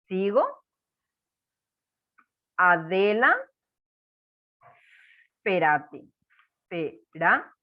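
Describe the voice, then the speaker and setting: A woman teaching a first-grade class, slow and encouraging, spelling words out for young children. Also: on the high side, phone-quality sound. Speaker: primary school teacher.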